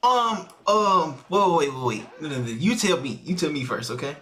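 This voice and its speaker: A young man streaming a joking voice chat in an online game, flustered and stammering, breaking into sudden shouts. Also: on the high side, animated, moderate pace, slight background noise. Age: young adult.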